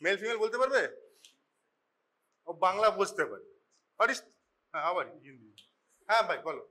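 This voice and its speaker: A high, bright man's voice, a Bengali lecturer talking casually to his class and slipping into English mid-sentence. He teases and scolds his students as he goes. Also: sing-song, fairly quick. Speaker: forensic medicine lecturer. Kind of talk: informal classroom teaching. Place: college classroom.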